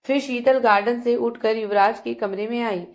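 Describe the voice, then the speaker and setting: A woman storyteller narrating a family drama in a steady, plain way. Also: fairly high pitch, normal speed.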